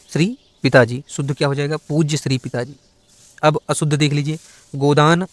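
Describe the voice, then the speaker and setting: A man's voice: medium pitch, no echo. A man the area, teaching grammar for an exam and correcting errors in a conversational, rhetorical way. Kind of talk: Hindi grammar lesson for exam prep.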